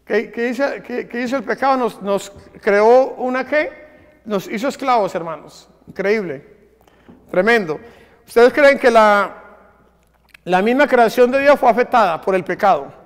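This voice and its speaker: High-voiced preacher in a reverberant hall. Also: male voice, animated, unhurried. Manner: asks the congregation questions and answers them. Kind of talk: sermon. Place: church hall. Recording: long reverb of a church hall.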